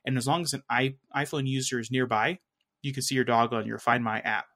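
Co-hosting a tech podcast in a relaxed chat, this man speaks fairly quickly in a steady, mid-range voice with a touch of brightness. His talk is hesitant and a little rambling, full of self-corrections while he gropes for words.

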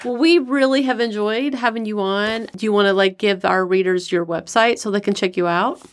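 A woman's voice: medium pitch, fairly even intonation, a little fast. A woman hosting a podcast in a friendly, conversational interviewing style. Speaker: podcast host.

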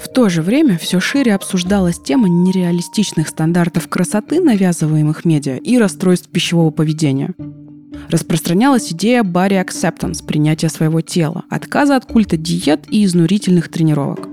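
Female narrator, lower and soft-toned, for an explanatory scripted documentary read. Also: expressive, fairly quick. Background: background music.

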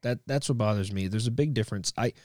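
A man's voice: fairly low pitch, fast talker, a little mellow, no echo, clean studio sound. A man co-hosting a podcast, telling stories in a rambling, self-correcting way. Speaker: podcast co-host. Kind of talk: casual conversation.

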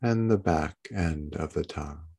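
A man guiding a body-scan meditation as a teacher, in a calm, meditative tone with gentle instructions in short phrases. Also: extremely low pitch, measured pace, slightly rough.

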